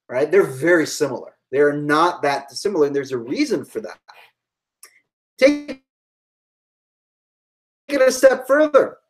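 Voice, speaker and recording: A woman's voice: low-pitched, poor audio. A woman giving a live-streamed history lecture to online students, thinking aloud with fillers and asides.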